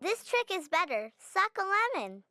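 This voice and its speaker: A voice actress playing a lively little child in a children's cartoon, bright and chirpy. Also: female voice, extremely high pitch, moderate pace, dry recording, soft background music, exaggerated voice. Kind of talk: cartoon voice acting.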